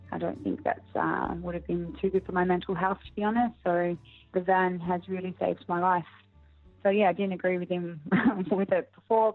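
A young woman, soft and reflective, speaking in a personal interview and laughing often. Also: on the low side, creaky. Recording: tinny phone-like audio, faint music.

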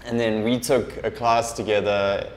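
A young man, hosting a casual podcast interview in a relaxed, hesitant way. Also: lowish voice, a little slow, a little hiss or hum. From South Africa. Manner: relaxed, hesitant, restarts often. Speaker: podcast host.

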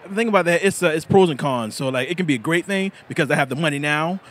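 A man's voice: a little high, fast, a bit bright. A man in his thirties, a bladesmith being interviewed at a food festival, talking earnestly with frequent restarts. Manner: earnest, restarts often, laughs easily. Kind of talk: casual interview. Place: busy food festival, indoors.

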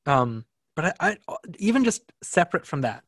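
A man's voice: fairly high pitch, wildly swooping pitch, normal speed, creaky, fairly bright tone, no echo, clean studio sound. A man guesting on a casual film podcast, talking in an easygoing, thoughtful way with small stumbles.

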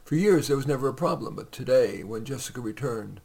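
A man's voice: medium pitch, animated, brisk, gravelly, a little mellow. A man reading his own short stories aloud on a podcast, in a conversational way with occasional fillers.

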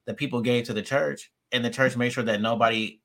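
A man's voice: medium pitch, little pitch movement, a bit bright. A man hosting a casual faith discussion, affirming and conversational. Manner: affirming, conversational, quick to agree.

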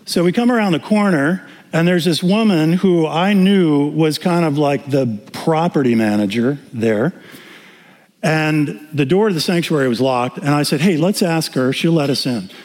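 A man in his sixties, a pastor preaching a sermon and telling personal stories with animated humor. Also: a little high, moderate pace. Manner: animated storytelling, acting out dialogue with humor. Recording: reverberant hall.

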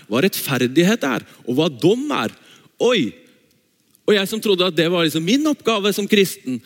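A man preaching a sermon and reading from the Bible, enthusiastic, switching between slow reading and quick asides. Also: on the high side. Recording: long reverb of a large hall.

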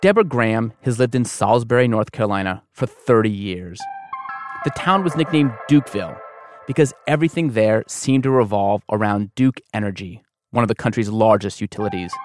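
A man hosting a show, reading scripted narration in a clear, steady manner. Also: fairly low pitch. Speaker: host.

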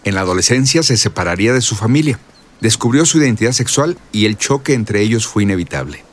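Guy doing doc voice-over, low voice but lots of melody, measured reading. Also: very animated. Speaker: documentary narrator. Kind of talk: scripted narration.

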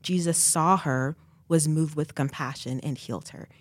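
A woman with a notably deep voice talks earnestly on a casual faith podcast. She explains her thoughts at length, steady and sincere. The recording is dry and close. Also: moderate pace, dry recording. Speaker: podcast co-host.

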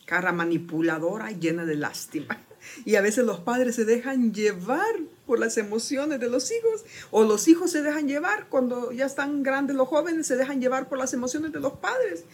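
A woman giving an animated motivational talk to an audience, asking rhetorical questions and often restarting her sentences. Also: on the high side, normal speed, husky.

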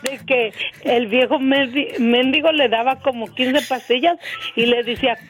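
A woman's voice: high voice, steady tone, normal speed. A woman, telling gossipy stories in a casual, colloquial way. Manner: colloquial, chatty. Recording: faint music behind the voice.

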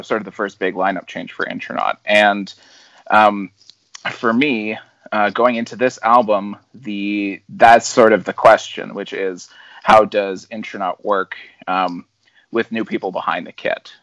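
A man's voice: on the low side, flat delivery, measured pace, fairly bright tone, no echo, muffled recording. A man hosting a casual podcast over a video call, easygoing and full of fillers and restarts. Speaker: podcast host.

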